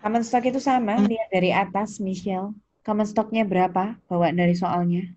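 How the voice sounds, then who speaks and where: A mid-range, darkish, steady voice belongs to an Indonesian woman leading an online accounting session at a fairly quick clip. She questions students by name, repeats essential ideas and prompts responses over muffled lo-fi audio with background noise.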